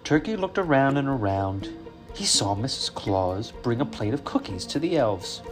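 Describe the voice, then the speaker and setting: A man reading a children's story aloud in a slow, expressive storytelling voice. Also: medium pitch. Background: music.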